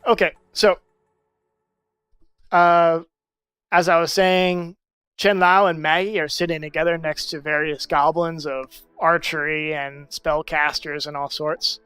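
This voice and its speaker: A man narrating a tabletop game as game master over voice chat, in a loose, rambling, halting way. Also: a little high, little pitch movement, pushed and bright, smooth, no room sound, faint music behind. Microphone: voice chat mic.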